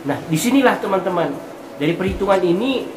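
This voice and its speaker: A man explaining something to viewers in a monologue, speaking deliberately in halting phrases and repeating words for emphasis. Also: sits high, expressive. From Indonesia. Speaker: online content creator. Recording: roomy echo with music behind. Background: music.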